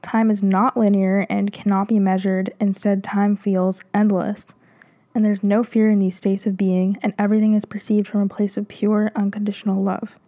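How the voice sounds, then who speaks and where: Young woman, podcast host, slightly nasal, warm mellow tone, rambling casual chat, giggles. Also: medium pitch, little pitch movement, moderate pace.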